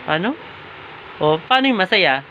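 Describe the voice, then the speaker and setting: A man's voice: high voice, very animated, measured pace, bright, forceful tone. A man filming a casual home vlog, asking playful, teasing questions. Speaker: vlogger. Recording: dull home video sound, faint hiss.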